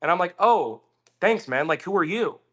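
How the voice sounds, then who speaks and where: A man's voice: high-pitched, normal speed. A man telling a long casual story on a podcast, swearing freely and acting out what other people said. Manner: animated, swearing, acts out quoted voices. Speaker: podcast guest.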